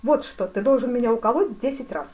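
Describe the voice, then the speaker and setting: A woman voicing an imperious, hot-tempered grand duke in an audiobook, speaking in loud, commanding bursts. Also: a little high, a little fast, voice pushed up, close to an everyday voice. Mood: eager. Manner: loud, commanding, excitable shouts. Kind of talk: audiobook character reading.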